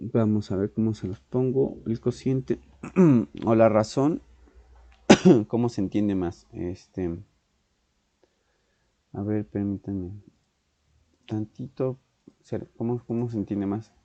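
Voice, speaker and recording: A man teaching a physics class, often clearing his throat, correcting himself and checking in with "ok". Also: fairly low pitch, drawn-out words, pauses often, warm tone, dry recording, dull audio. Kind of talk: online exam-prep physics lesson.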